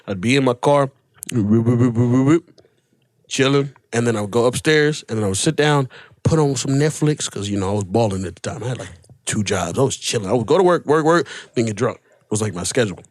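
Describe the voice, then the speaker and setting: A man's voice: mid-range voice, fast, no room sound. A man from East Africa, a stand-up comedian guesting on a podcast, telling stories with lots of laughter and swearing. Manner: animated, laughing, swearing storyteller. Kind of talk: casual podcast chat.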